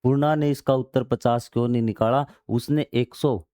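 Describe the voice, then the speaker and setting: A man's voice: mid-range voice, fairly even intonation, normal speed, mellow, smooth, no room sound, clean studio sound. A man teaching a maths lesson, reading out textbook passages and then explaining them in everyday words, asking questions and answering them himself. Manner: asks questions and answers them himself, repeats key steps.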